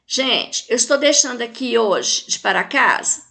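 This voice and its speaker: A woman's voice: fairly high pitch, expressive, a little slow, vocal fry, sharp tone. A woman with a Brazilian Portuguese accent teaching a grammar video lesson to children, explaining patiently and checking in with "né?" and "tá bom?".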